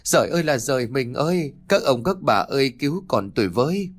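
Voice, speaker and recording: A grief-stricken young mother wailing and sobbing for her lost child, as a male narrator puts her on in a spoken horror story. Her cries climb well above his usual speaking pitch, and the pitch swings widely. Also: very animated, fairly quick.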